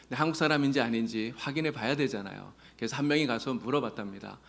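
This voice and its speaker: In a church sanctuary, a male pastor preaches earnestly to his congregation, slipping folksy jokes in between his teaching. He talks fast in a medium-pitched, creaky voice with a fairly bright tone.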